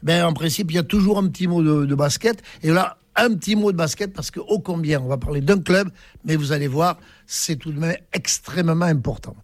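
A man's voice: on the high side, a little fast. A man presenting a local radio sports round-up, hesitant, with many fillers and restarts.

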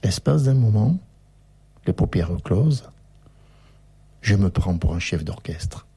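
A man hosting a radio book interview, reading passages aloud with animated emphasis. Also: on the low side, slow pace, breathy edge. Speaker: radio host.

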